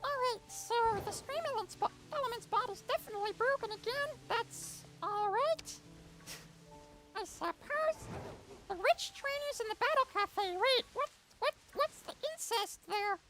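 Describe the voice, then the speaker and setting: A male livestreamer talking through a helium-pitched voice effect, chatting and reading out chat. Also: expressive, moderate pace, over music. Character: squeaky helium-voiced version of the streamer.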